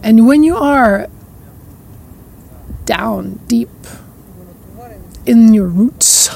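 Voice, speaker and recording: Her voice is on the high side, animated and slightly rough with vocal fry, as she muses at length in a reflective spiritual podcast monologue. The pace is slow, with soft laughs and repetitions that trail away.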